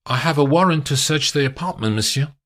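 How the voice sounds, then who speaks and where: A man's voice: a little high, fairly quick, a bit bright, voice pushed up, natural voice. A man voicing a young male British agent who poses as a formal, solemn French police commander.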